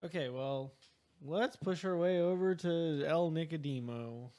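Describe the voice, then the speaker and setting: A man's voice: a little high, a little slow, dark tone. A man playing in a tabletop game, laid-back and joking, with swearing. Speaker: player. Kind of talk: casual tabletop play.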